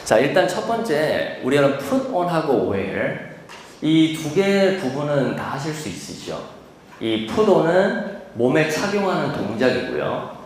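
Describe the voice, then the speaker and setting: A man's voice: a little high, big pitch swings, slight background noise. Man teaching in an echoey lecture hall. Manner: explains patiently, repeats key words with "예"; slows to model English pronunciation. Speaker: TOEIC instructor. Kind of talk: classroom lecture. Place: lecture room. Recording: echoey hall, distant mic.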